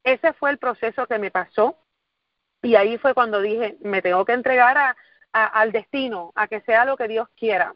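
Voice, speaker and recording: This motivational speaker from Puerto Rico, a woman in her forties, talks at a normal speed in a slightly high voice. She is earnest, frequently repeats words for emphasis and poses questions to her listeners. There's no echo, though the top end of the audio is cut off.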